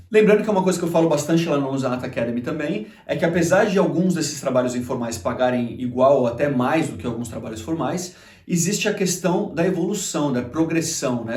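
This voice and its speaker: A Brazilian man with a Brazilian Portuguese accent hosts a casual YouTube vlog, chatting conversationally to camera with lots of fillers. His voice is mid-range with a darkish tone, recorded far from the mic in a room with echo and faint music behind.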